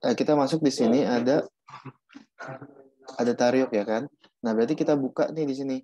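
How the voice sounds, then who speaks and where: A man's voice: mid-range voice, brisk, mellow, slight background noise. A man teaching Korean pronunciation in a casual online class, repeating himself and restarting while he explains. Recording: dull muffled audio.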